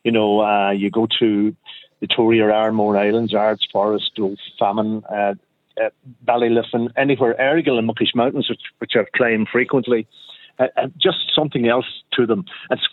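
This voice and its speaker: A man with a Donegal accent calls in to a radio show over a thin phone line. His voice is fairly low, and he rambles along casually, piling one item on the next. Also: steady tone, moderate pace, dry recording. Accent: Donegal Irish. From County Donegal, Ireland. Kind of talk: casual, reminiscing phone-in talk. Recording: narrow, dry phone line.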